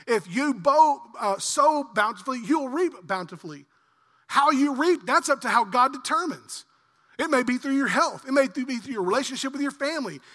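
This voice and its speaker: A male pastor preaching a sermon, animated, swinging from loud emphasis to quiet low asides. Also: long reverb tail.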